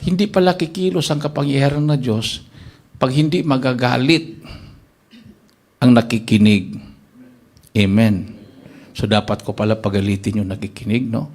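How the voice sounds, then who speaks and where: A man with a Filipino accent preaching a sermon, telling a testimony and acting out the voices of the people in it, his pitch jumping up on exclamations. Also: normal speed, pauses often. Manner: animated storyteller acting out quoted voices, pitch leaping up in exclamations.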